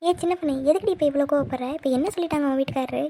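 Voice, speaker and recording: A woman voicing a fond, peacemaking aunt and mother-in-law in a cartoon, gently scolding her niece. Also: high-pitched, rapid-fire. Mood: soothing. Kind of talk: cartoon voice acting.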